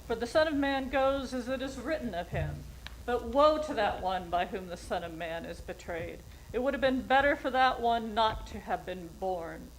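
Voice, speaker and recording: A woman's voice: on the high side, expressive, moderate pace. A woman formally reading gospel verses as a church reader. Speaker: scripture reader at a Good Friday service. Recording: clearly noisy live recording.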